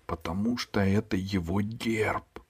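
A man voicing a calm young village girl who explains things quietly. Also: on the low side, a little slow, husky, voice pushed up, heavily acted. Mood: hushed. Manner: hushed, matter-of-fact.

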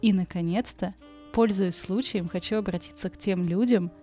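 A woman's voice: mid-range voice, moderate pace, mellow. A woman podcast host with a burred, impeded r, telling a story informally for bedtime listening in a chatty, colloquial way, with asides. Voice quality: non-rolled, burred r sound (speech impediment). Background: background music.

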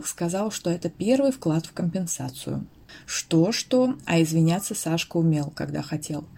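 A woman narrating a first-person story as an audiobook. Her voice sits low and sounds warm and mellow, with expressive storytelling. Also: husky.

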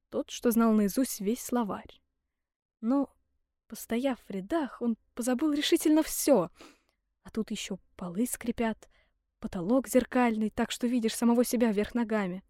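A woman reading a fairy tale aloud in a lively, theatrical storytelling manner. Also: a little high, unhurried, no echo, clean studio sound. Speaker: storybook reader.

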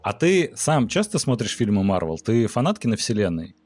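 A man's voice: lowish voice, sing-song, moderate pace, a little mellow, soft background music. A man hosting a film podcast. He opens with announcements, then chats in a friendly, upbeat way. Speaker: podcast host. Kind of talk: announcement then casual chat.

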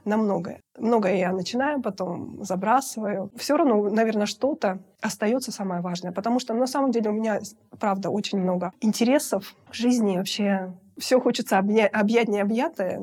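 A woman in her fifties chats as an interview guest, lively and quick to laugh. Her voice is mellow and slightly husky, at a middle pitch. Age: 50s. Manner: lively, chatty storyteller who laughs easily. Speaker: guest, outsourced finance director. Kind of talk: casual interview talk.

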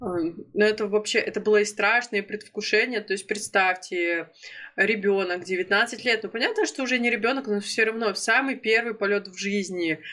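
A Russian woman in her twenties tells a personal travel story in a casual vlog, her medium-pitched voice fairly quick, bright and forceful. She's chatty, using lots of fillers and self-corrections and laughing now and then as a storytelling vlogger.

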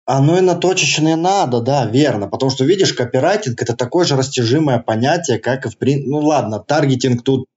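A man's voice: medium pitch, brisk, hardly any pauses, darkish tone, highs cut off. A man with a slight lisp and slushy sibilants chats casually in an interview, using slangy, joking, colloquial phrasing. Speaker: targeted-ads specialist, interview guest.

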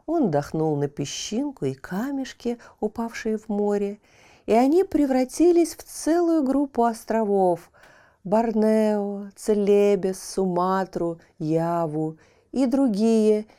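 Slow, mellow woman telling a bedtime story. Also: medium pitch, expressive. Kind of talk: scripted children's bedtime story narration.

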